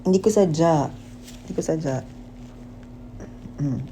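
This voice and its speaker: A man's voice: fairly high pitch, measured pace, warm tone, a little hiss or hum, rough recording. Playful young man livestreaming. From Philippines. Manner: playful, teasing, laughs at himself, mixes Tagalog and English. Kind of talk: casual livestream chat.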